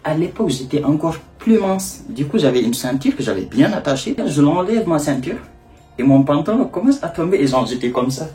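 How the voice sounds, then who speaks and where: A young man from Senegal recounts a story to his viewers in loose, chatty French. His voice is mellow and relaxed, and he keeps breaking into laughter. He slips into quick impressions of the people he met. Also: on the high side, faint music behind. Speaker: vlogger. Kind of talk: casual storytelling.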